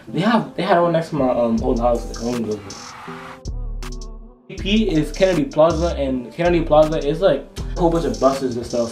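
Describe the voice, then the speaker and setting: A man's voice: on the high side, a little mellow. A young man chatting casually to camera in heavy slang, peppering his talk with bro, yo and like. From Rhode Island, United States. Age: young adult. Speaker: vlogger. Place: indoors, home room. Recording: echoey room, music behind.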